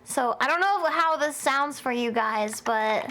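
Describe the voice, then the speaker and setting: A woman's voice: high-pitched, measured pace, noisy background. A young woman streamer chatting casually with her chat, giggly and a bit tired, with a headache.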